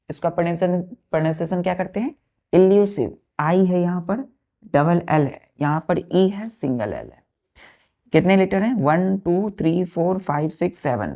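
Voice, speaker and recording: A woman's voice: fairly low pitch, creaky, dark tone. A woman teacher giving an exam-prep vocabulary lesson, spelling words letter by letter and often checking that students follow.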